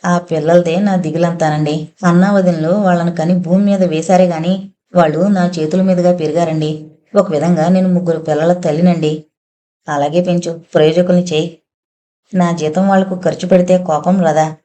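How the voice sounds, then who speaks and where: A tearful young wife pleads softly with her husband in a storybook reading, as a woman narrator puts her on. The voice sits a little low and sounds mellow and warm. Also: steady tone, normal speed, lightly acted. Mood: earnest. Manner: pleading, apologetic.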